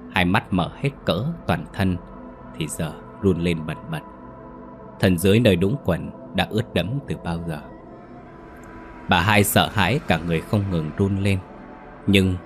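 A man narrating a ghost story and voicing all the characters himself. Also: deep voice. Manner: voices every character himself.

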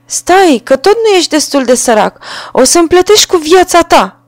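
A woman's voice: very animated, no echo. A woman voicing a spiteful, vengeful little sparrow that jeers at a man in a storybook reading. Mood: taunting. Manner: shrill, jeering taunts.

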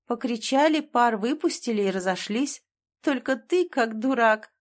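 A woman's voice: on the high side, expressive, measured pace, pitched above the performer's own voice. Woman doing a sly young office girl faking sternness, audiobook. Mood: curt. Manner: trying to sound stern.

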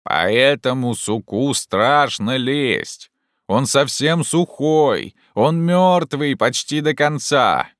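A man voicing a simple, cautious male servant who calls out in a slow, drawn-out way. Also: medium pitch, big pitch swings, bright, forceful tone, dry recording, clean studio sound, pitched above the performer's own voice, full character voice. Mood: calling out.

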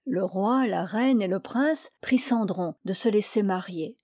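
A woman reading an old fairy tale aloud in a clear, measured storytelling manner. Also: medium pitch, a little mellow, no echo, studio quality. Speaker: reader of fairy tales.

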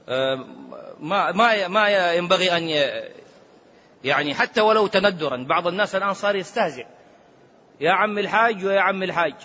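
High, bright-voiced man giving a lively religious talk. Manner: lively, swings between raised and hushed tones, chants recitations. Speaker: sheikh giving religious rulings. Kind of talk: religious lecture. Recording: dull lo-fi recording with faint noise.

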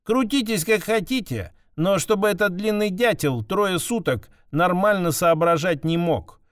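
A man puts on a small, frazzled young woman scientist who snaps out commands without pause. The voice sits higher than his own and sounds close and dry, with no room around it. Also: expressive, no echo. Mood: bossy, urgent. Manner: barking urgent orders.

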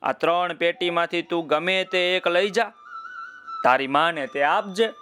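A man voicing a kind, magical golden crow in a children's story, speaking gently and coaxingly. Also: sits high, unhurried, soft background music. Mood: gentle coaxing.

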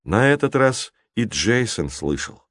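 A man reading an adventure audiobook in a measured, dramatic narration. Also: medium pitch, sing-song, a bit bright, slightly rough, no echo, clean studio sound. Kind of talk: scripted storybook narration.

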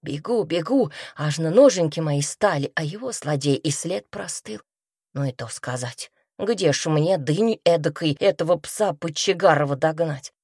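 A woman's voice: deep voice, expressive, moderate pace, darkish tone, breathy edge, no room sound, clean studio sound. A woman performing a first-person folk tale aloud in a chatty, folksy storyteller's manner, acting out the quoted voices. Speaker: reader.

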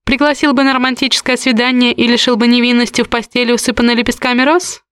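A woman's voice: on the high side, flat delivery, fast, a bit bright, clear, resonant tone, dry recording, studio quality, voice pushed up, natural voice. A woman voicing a bitter, hurt young heroine in an audiobook, speaking through clenched teeth. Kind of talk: audiobook reading.

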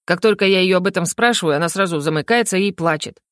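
A woman's voice: on the low side, fast, a bit bright, no room sound, studio quality, close to an everyday voice. A woman reading an audiobook voices a small, grumpy male hedgehog who snorts between phrases. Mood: sulky.

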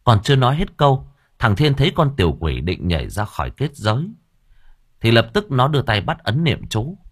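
A man narrating an audio story in a vivid, expressive way. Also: mid-range voice, normal speed, breathy edge.

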